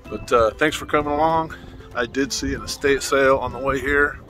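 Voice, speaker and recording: Middle-aged male vlogger, low-key browsing commentary over music, phone-recorded. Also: brisk. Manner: muttering asides while browsing. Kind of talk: casual walk-through commentary. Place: large warehouse auction hall, indoors. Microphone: handheld phone camera.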